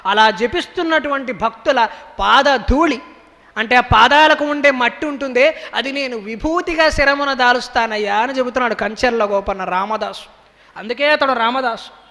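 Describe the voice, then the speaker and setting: High, bright-voiced young man giving a devotional talk. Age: young adult. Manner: lively storytelling, slowly intoned verse recitation. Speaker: spiritual orator. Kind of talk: devotional discourse with chanted verses. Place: temple hall during a public lecture. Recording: long hall reverb.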